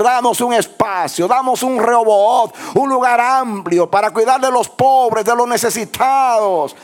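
A male pastor leads a fervent prayer at an unhurried, drawn-out pace. His voice sits on the higher side for a man and swings from low, hushed pleading to raised, impassioned cries.

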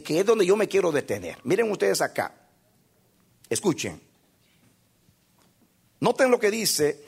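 Male pastor, sermon, impassioned, high voice, very lively pitch, hushed to shouting. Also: creaky, breathy edge.

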